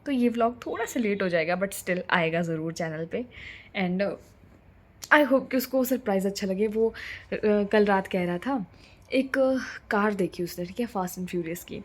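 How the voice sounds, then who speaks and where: A woman's voice: medium pitch, unhurried. Chatty young woman vlogging. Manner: chatty, mixing English into Hindi, drops to a near whisper at times. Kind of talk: casual chat to camera.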